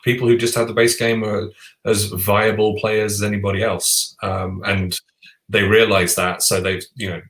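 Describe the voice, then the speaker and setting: A man with a fairly low voice chats eagerly as a podcast co-host, often restarting his sentences. His voice bounces around a roomy, echoey space. The talk is loose and conversational. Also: flat delivery, normal speed, a bit bright. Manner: chatty and enthusiastic, with frequent restarts. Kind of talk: casual chat about board games. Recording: roomy echo.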